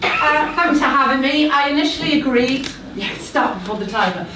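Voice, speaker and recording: A woman's voice: sits high, animated, normal speed, over a noisy crowd. A woman in her thirties telling a personal story to a live audience, chatty and a little nervous, with self-deprecating asides. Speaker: speaker at a live talk event. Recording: echoey room, voice heard from a distance.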